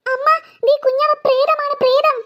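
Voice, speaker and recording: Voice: very high-pitched, level tone, moderate pace, dull audio. A voice actor playing a frightened young girl in a cartoon, who stammers and keeps pleading with her mother. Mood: insistent. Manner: panicky, stammering, cries for mother. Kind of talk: cartoon voice acting.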